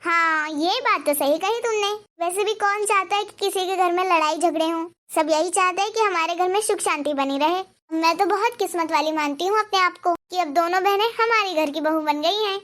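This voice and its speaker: Cartoon mother-in-law, older and wise, firm and steady, voiced by a woman, with a very high voice. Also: a little fast, hardly any pauses. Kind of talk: cartoon dubbing.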